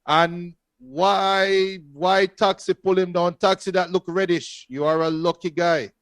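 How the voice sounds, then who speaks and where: A man co-hosting a football watch-along, joking and giving shout-outs to viewers. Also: high voice, fairly even intonation, a little slow, smooth, dry recording. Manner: jokey, reads out viewer shout-outs, laughs often.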